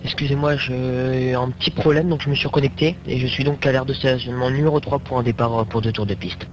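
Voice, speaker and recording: A male pilot makes a hesitant, apologetic radio call to the tower. His mid-pitched voice sounds dull over the headset link, with a faint hum. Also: steady tone, fast.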